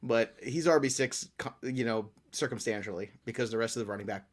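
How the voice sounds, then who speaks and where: A man's voice: medium pitch, brisk. A man who is a guest on a sports podcast, talking casually, joking and laughing often.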